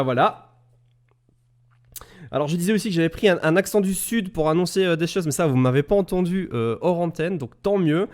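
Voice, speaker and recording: A Belgian esports caster with a Belgian French accent and a fairly high, slightly mellow voice commentates a live match from home into an XLR studio mic. He's chatty and jokes around with viewers in the chat.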